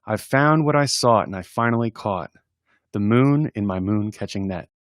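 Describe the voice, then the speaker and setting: Here a man with a fairly low voice reads at normal speed, captured in studio quality with no room sound. He's a story-time presenter reading funny poems for kids, informal and amused, laughing softly and chatting between readings.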